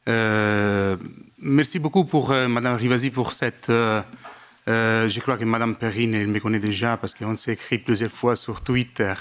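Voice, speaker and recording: Halting Italian-accented man at a seminar. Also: medium pitch, a bit bright. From Italy. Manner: halting, searching for words, non-native phrasing. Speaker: lobbyist asking a question from the audience. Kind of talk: spontaneous public question at a seminar.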